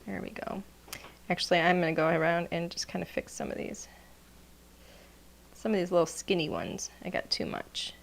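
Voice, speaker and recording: A woman's voice: lowish voice, fairly even intonation, moderate pace, gravelly, long pauses. A woman teaching card-making in a casual, chatty demonstration, gushing over her work and often dropping to a murmur as she works.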